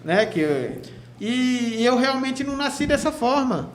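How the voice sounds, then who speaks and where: A man's voice: extremely high pitch, big pitch swings, a little slow. A man from São state, telling his story as a guest on a radio interview, chatty, with many restarts. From Cubatão, São Paulo state, Brazil. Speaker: guest, physical education teacher. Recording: echoey room with faint noise.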